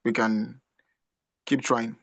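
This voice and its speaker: A man's voice: mid-range voice, little pitch movement, slow, gravelly, a bit bright, no room sound. Man teaching over a video call. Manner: hesitant, guiding, repeats himself. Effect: heard over a video call. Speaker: instructor. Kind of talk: live online class.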